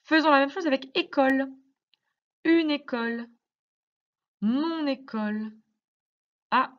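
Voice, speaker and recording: A woman teacher explaining grammar to young children in slow, careful speech, asking many questions. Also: high voice, muffled recording. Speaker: primary school teacher.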